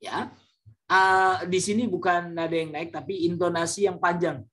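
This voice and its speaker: A man teaching a class, explaining slowly with many fillers and sometimes acting out example words loudly. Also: high-pitched, steady tone. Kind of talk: classroom lecture.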